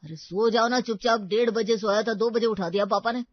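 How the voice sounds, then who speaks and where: A woman's voice: fairly high pitch, fairly quick, no echo, dull audio, close to an everyday voice. A woman voicing a carefree young adult son who talks casually and teasingly.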